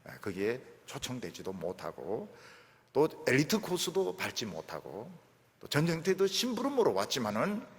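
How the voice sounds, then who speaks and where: A middle-aged male pastor preaching an animated sermon, repeating phrases for emphasis. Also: medium pitch, normal speed, in a large hall.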